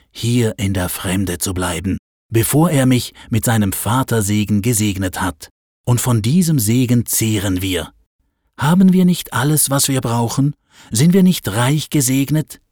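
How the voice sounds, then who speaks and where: Guy reading a stern weary old blind dad, lowish voice, dry. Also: darkish tone, no echo. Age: older. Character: old blind patriarch, frail but stern.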